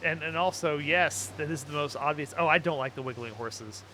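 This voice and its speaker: A man's voice: a little high, moderate pace, pushed and bright, a little hiss or hum, low-quality recording. A man giving casual, rambling and joking playthrough commentary as he reacts to a video game. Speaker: gaming streamer.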